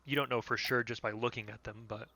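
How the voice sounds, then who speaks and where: A man's voice: medium pitch, steady tone, fast, pushed and bright, no echo. A man running a tabletop game as game master, narrating loosely and descriptively.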